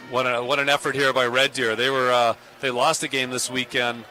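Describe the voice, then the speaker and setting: Man, roller derby play-by-play, easygoing, middle pitch, bright edge. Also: flat delivery, fairly quick, slight background noise. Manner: easygoing, with small restarts. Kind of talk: live sports play-by-play. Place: in a parked truck at a roller derby venue.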